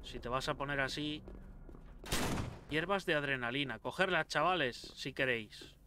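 A man from Spain talking through a zombie game, excitable and cursing freely as he jokes about what he finds. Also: on the high side, normal speed, slight background noise. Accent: Spain Spanish. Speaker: gameplay commentator. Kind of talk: casual let's-play commentary.

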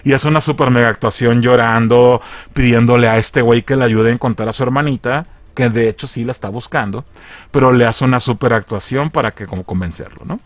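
A man giving a slangy, animated recap of a TV episode, acting out the lines in different voices. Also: medium pitch, a little fast, dry recording. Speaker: video reviewer.

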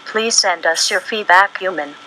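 A woman voicing a calm female AI guide in a video game, with a robotic, formal, clipped delivery. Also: fairly low pitch, normal speed, slight background noise, low-quality recording. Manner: formal, clipped machine announcements. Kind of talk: game character voice-over. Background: loud game music.

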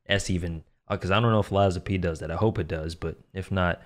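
A young American man giving casual, slangy, excitable commentary as he plays a video game. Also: sits low, fast talker, background noise. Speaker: gaming content creator. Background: video game music.

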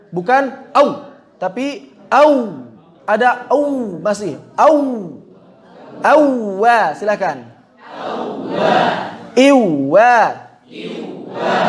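A male teacher leads a live tajwid class, sounding out letters one by one and asking students to repeat them. His voice sits high and he speaks slowly and deliberately. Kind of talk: live classroom lesson on Quranic letter pronunciation. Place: training hall, in front of a class.

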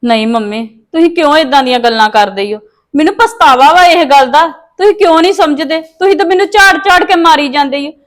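A woman's voice: high-pitched, a little fast, close to an everyday voice. A woman playing a remorseful daughter pleading with her mother for forgiveness in a family drama. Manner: pleading, defensive.

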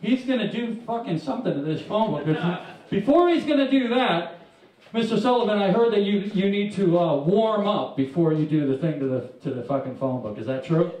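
A man's voice: high voice, lively intonation, a little fast, darkish tone. A man hosting a comedy show on stage, addressing the audience in theatrical emcee patter. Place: small dark club stage, indoors. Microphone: handheld stage microphone, captured by a far camera. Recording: echoey club PA from far off, crowd noise.

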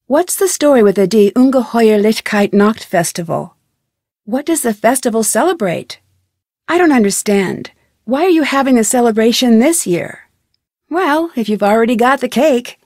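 A young adult woman voices a young American amateur sleuth, the detective protagonist of a scripted mystery adventure game. Her slightly high, a little mellow voice is earnest and polite, questioning with inquisitive determination. The recording is close and dry like studio game dialogue, with no room sound.

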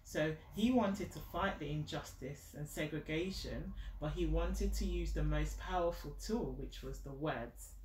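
Reading a picture book to a child on her living room sofa, a woman in her thirties speaks in a deep, darkish voice at a measured pace with few pauses, offering encouragement and simple explanations. A camera a step or two away picks her up, giving an echoey, distant sound with slight background noise.

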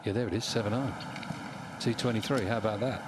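A male golf commentator with a fairly low voice speaks in short, clipped phrases. Loud outdoor ambience surrounds him. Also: fairly even intonation, fast talker, very noisy.

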